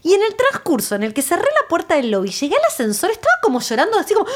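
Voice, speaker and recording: A woman with a Rioplatense Spanish accent telling a story in casual chat, animated, and she swings from loud to quiet. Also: extremely high pitch, very fast, a crowd in the background.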